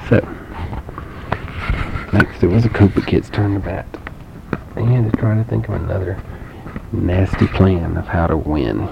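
A man with a low voice spins a playful bedtime story, tossing in sound effects and questions for his listener. It is recorded lo-fi and dull, with a faint rumble underneath. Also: creaky.

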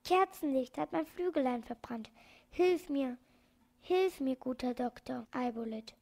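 A woman's voice: high voice, lively intonation, measured pace, creaky, a little mellow, heavily acted. A woman voicing a sad tiny moth with a burnt wing, wailing and pleading for help.

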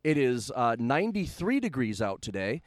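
A man's voice: medium pitch, sing-song, normal speed, no room sound, studio quality. A man hosting a casual, informal chat interview, recorded outdoors in a backyard. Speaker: podcast host.

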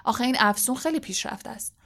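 A woman reading the lines of a kind male teacher who is gentle and uneasy, speaking softly and quickly. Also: fairly high pitch, animated.

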